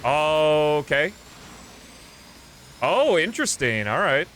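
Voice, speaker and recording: Here a male livestreamer rambles casually over video game music, narrating his play as he thinks it through. His voice is a little high and sing-song, slow-paced and fairly bright, with slight background noise.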